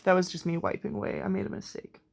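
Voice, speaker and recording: A woman chats through a makeup tutorial to her camera, rambling and easily excited, with sudden bursts of enthusiasm. Her voice sits at a mid pitch, and faint music plays quietly behind her. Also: fast, creaky. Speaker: beauty vlogger. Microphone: camera mic while filming herself.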